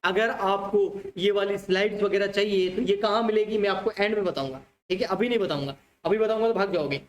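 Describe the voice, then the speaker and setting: A man's voice: high voice, a little fast, dull audio. A male teacher giving an online commerce lecture, repeating points and asking his students questions, calling them dear children. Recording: echoey room, faint ambience.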